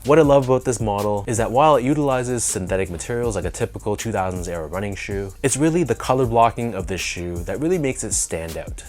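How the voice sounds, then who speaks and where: A Canadian man hosting a sneaker review video, sounding nasal from a sinus infection, talking in a relaxed, enthusiastic way with drawn-out emphasis. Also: lowish voice, faint music behind. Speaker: sneaker channel host. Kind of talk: casual review talk to camera.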